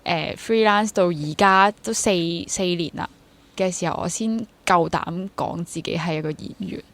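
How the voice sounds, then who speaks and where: This young Hong Kong woman chats as a guest in an interview, drawing on her own experience as a freelance stage actor. She's in her twenties, with a lowish, slightly bright voice, vocal fry and normal speed, and she mixes English words into Cantonese.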